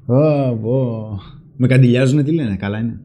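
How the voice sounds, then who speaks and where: A man hosting a talk show, speaking emphatically and loudly, with frequent swearing. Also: mid-range voice. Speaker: podcast host. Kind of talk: animated opinion talk.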